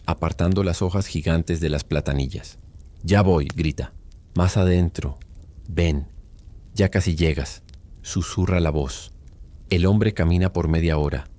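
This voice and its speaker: A man narrating a bedtime legend in a slow, calm, hushed telling. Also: low voice. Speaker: storyteller.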